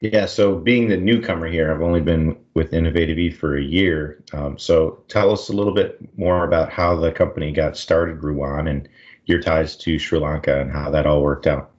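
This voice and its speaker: A man co-hosts a podcast, upbeat and keeping the conversation moving with questions. His voice is very low. The recording sounds a bit dull and lo-fi. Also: steady tone, normal speed, a little mellow. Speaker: podcast co-host.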